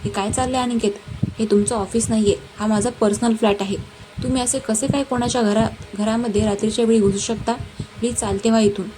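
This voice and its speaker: A woman's voice: on the high side, fairly quick, lightly acted. A woman voicing a stubborn, scolding young woman. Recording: noisy background hiss.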